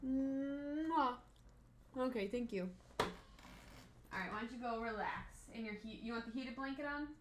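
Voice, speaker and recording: A woman's voice: fairly high pitch, brisk, long pauses, very noisy. A young woman chatting casually on a live stream from her room at home, rambling and cooing baby-talk at her dog. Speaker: livestreamer.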